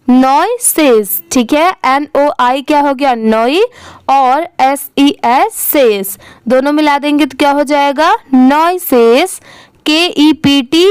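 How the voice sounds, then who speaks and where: Young woman teacher, high voice, unhurried, spells words out slow then answers herself, close dry mic. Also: no room sound. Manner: spells words letter by letter, then asks and answers her own questions. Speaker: English reading teacher. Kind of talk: spelling-and-reading lesson, letters spelled out slowly.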